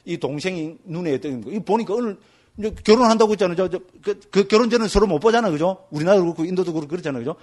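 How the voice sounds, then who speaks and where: A man, a Buddhist monk giving a scripture lecture. He tells stories in a lively way and keeps checking that his listeners agree. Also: high voice, very fast. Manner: lively storytelling, constantly asks listeners for agreement.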